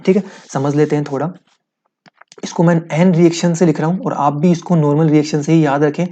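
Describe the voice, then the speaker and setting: A man's voice: on the high side, steady tone, fairly quick, dark tone, highs cut off. A man teaching a physics lesson, explaining step by step, asking his students questions and repeating key points.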